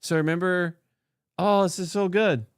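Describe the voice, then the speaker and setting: A man with a smooth, clean voice, heard close and dry with no room sound. He chats casually while gaming, then reads scripture aloud and breaks off into animated, joking asides. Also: high voice, moderate pace, no echo. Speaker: streamer.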